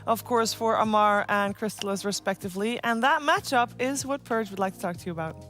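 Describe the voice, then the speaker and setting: A woman's voice: medium pitch, a little fast, music in the background. A woman hosting an esports analysis desk, guiding the talk from one analyst to the next.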